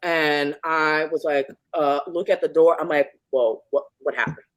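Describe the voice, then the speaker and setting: Slightly slow and echo-free, this woman is a guest on a laid-back podcast sharing a ghost encounter from her own life. She's animated, acting out scenes with abrupt leaps in pitch.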